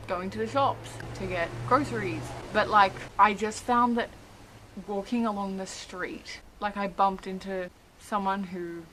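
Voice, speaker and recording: A woman's voice: mid-range voice, fairly bright tone, slight background noise, low-quality recording. A woman vlogger chatting casually in an informal, rambling and self-deprecating way. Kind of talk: casual chat to camera.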